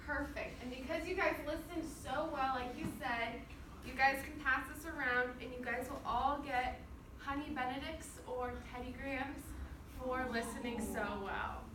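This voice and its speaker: Speaking at a normal speed in a high voice, a woman who is a student teacher leads an interactive read-aloud of a storybook for young children, offering encouragement and regularly asking questions. The audio is roomy and distant, with clear background noise.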